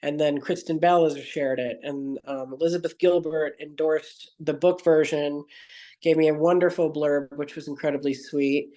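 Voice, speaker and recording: The audio is poor as a woman guest on a podcast tells her story at length in a conversational interview. Her low-pitched, mellow voice keeps a fairly even intonation at a moderate pace, and she's earnest and digressive, often correcting herself mid-sentence.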